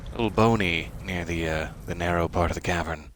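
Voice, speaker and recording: A man's voice: low-pitched, a little fast, a bit bright. A man streaming a game with wry, playful commentary in a droll, mock-polite way. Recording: clear game ambience noise behind.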